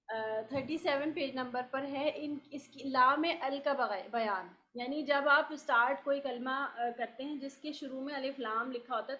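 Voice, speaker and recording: Female recitation teacher, bright slightly high voice, patient, spells out terms. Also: dull audio, a little hiss or hum. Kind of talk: classroom lesson.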